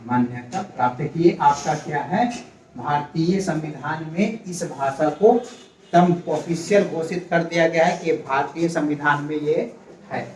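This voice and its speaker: A man with a slightly raised voice teaches a class, asking questions and repeating each answer slowly. He is heard from a distance in an echoey classroom, with faint noise behind him. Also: a little high. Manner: repeats key words, quizzes students; calls for quiet. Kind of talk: classroom lecture.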